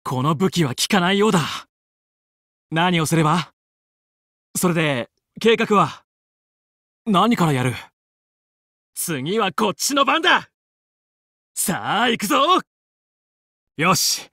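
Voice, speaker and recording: A man playing a young, confident fox space pilot and team leader in a video game, brisk, determined and commanding yet friendly. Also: high voice, sing-song, pushed and bright, no echo, studio quality, full character voice. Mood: focused, confident. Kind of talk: Japanese video game voice acting.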